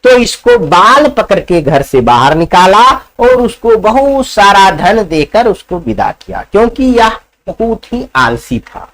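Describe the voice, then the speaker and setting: A man's voice: sits high, sing-song, unhurried, fairly bright tone, rough recording. A man teaching school students and telling a story in a playful way, chuckling as he goes, with a Bihari Hindi accent.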